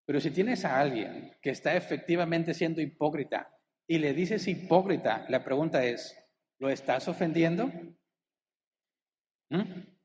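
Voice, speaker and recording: A man's voice: on the high side, unhurried, darkish tone, a little hiss or hum. Man preaching a sermon in a reverberant hall. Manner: asks the congregation rhetorical questions. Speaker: pastor. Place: church hall.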